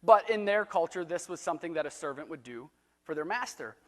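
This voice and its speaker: A man's voice: a little high, lively intonation, a little fast, in a large hall. A man preaching a casual, conversational sermon in a church, talking in a loose, chatty way with fillers and restarts. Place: church sanctuary.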